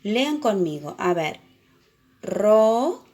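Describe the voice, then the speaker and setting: A woman teaching children the sounds of a letter, explaining patiently and repeating example words slowly. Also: mid-range voice, sing-song, dark tone. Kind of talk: children's reading lesson.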